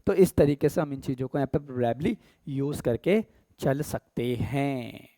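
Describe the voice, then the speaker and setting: A man's voice: mid-range voice, warm tone, no room sound. A man with an Indian accent teaching English grammar in a casual mix of Hindi and English. He calls his students "beta" and often checks "theek hai?". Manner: slows down to read English examples aloud.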